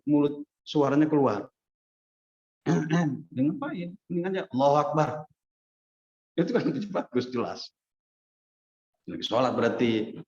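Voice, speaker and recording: A man preacher giving a casual, lively hadith lesson in a mosque, often turning to his listeners and acting out quotes. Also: on the high side. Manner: lively, addresses listeners as Pak, acts out quotes. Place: mosque hall. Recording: echoey dull mosque recording.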